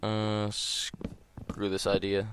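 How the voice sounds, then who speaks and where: Over background noise, a man with a lowish voice talks through a game very slowly and in a completely flat delivery. His early-morning grogginess shows as he rambles, hesitates, says um often, and lets his thoughts trail away.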